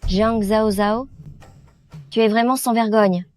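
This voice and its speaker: A woman's voice: on the high side, fairly even intonation, takes it slowly, darkish tone, soft background music. A woman dubbing a spiteful office colleague who sides with the bully. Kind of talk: French drama dubbing.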